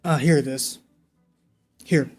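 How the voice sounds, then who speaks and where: A man livestreaming a game, talking casually and thinking out loud in a conversational way. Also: on the high side, steady tone, slow. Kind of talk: casual livestream chat while playing a game. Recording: game music behind the voice. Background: video game music.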